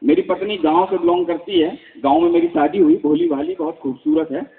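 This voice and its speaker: A man performing live stand-up and acting out each exchange as he tells it. His voice sits high and swings widely in pitch, with a gravelly edge. The audio is thin and tinny, like a phone line. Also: brisk. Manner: animated storytelling, acting out dialogue in quotes. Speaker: stand-up comedian and mimicry artist.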